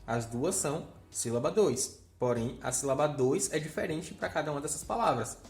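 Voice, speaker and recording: A man's voice: a little high, lively intonation, moderate pace, darkish tone, faint music behind. A man teaching a grammar lesson, explaining step by step and checking in with the viewer.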